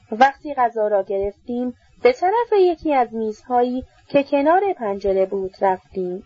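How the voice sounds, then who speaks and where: A woman narrating a novel in a steady storytelling manner. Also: fairly high pitch, husky, dry recording. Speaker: audiobook narrator. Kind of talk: novel read aloud. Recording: slightly dull dry recording.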